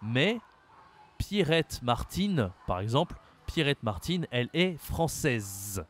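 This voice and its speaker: A man from France teaching a French lesson, slowly over-articulating example words and speaking directly to the learner. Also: mid-range voice, big pitch swings, faint music behind.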